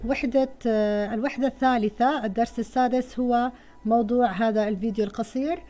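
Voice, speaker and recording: A woman's voice: fairly high pitch, steady tone, fast, dark tone. A woman with a Levantine Arabic accent teaching a first-grade lesson to children, patiently spelling out words sound by sound.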